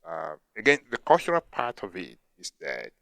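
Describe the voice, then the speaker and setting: A man's voice: medium pitch, wildly swooping pitch, normal speed, gravelly, a bit bright, dry recording, clean studio sound. A man hosting a podcast, chatting casually in an easygoing way with rambling asides. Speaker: podcast host. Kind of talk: casual chat.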